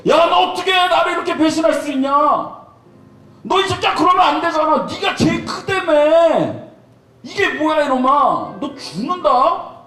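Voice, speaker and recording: A man voicing an angry male master who scolds and shouts at a disciple who betrayed him. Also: very high voice, lively intonation, moderate pace, pitched above the performer's own voice. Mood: angry scolding. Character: furious scolding male teacher figure. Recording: echoey church hall from far off.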